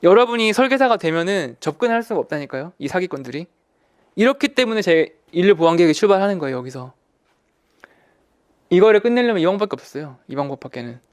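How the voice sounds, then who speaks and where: A man teaches an online insurance course in a slightly high voice. He talks colloquially, stresses and repeats key words, and acts out salespeople's lines. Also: lively intonation, fast. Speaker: insurance exam lecturer. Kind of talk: online lecture.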